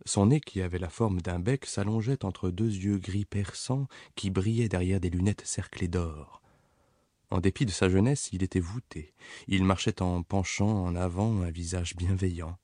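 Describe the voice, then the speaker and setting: Male audiobook narrator, low voice, calm and measured. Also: no room sound, clean studio sound. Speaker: audiobook reader. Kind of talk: scripted narration.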